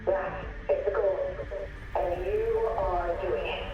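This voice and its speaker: A woman's voice: mid-range voice, steady tone, over music, natural voice. Woman as cold leader, heavily echoing. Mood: cold resolve. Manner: formal, measured. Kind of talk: scripted video game address. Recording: very echoey, distant, muffled transmission.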